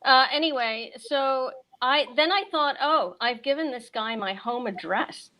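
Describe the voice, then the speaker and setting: A middle-aged American woman, a guest bookseller and author, chats casually at a virtual event. Her voice sits high and sounds animated and sharp, yet she takes her time, spinning chatty stories full of offhand asides.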